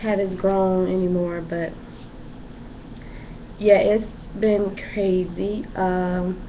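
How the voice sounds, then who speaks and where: Speaking very slowly with a lowish voice and flat delivery, a young woman rambles through a pregnancy update for her vlog. Fillers crop up constantly, and the lo-fi home audio sounds dull, with background noise.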